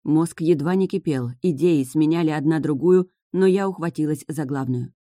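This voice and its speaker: A woman's voice: low-pitched, normal speed, dark tone, no echo. A woman reading a first-person fantasy story aloud as an audiobook narrator, close to the mic.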